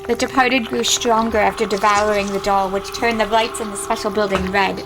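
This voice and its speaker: A woman's voice: mid-range voice, steady tone, a little fast, noisy background. A woman game streamer who reads story text aloud dramatically and breaks off into casual, blunt, sweary commentary. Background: game music behind the voice.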